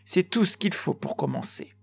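A man voicing an excitable, warm-hearted middle-aged villager who speaks in emphatic, drawn-out declarations. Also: mid-range voice, vocal fry, slightly rough, exaggerated voice.

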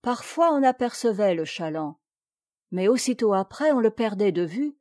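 A woman narrating an adventure story in a measured, steady reading voice. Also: medium pitch, no room sound, clean studio sound.

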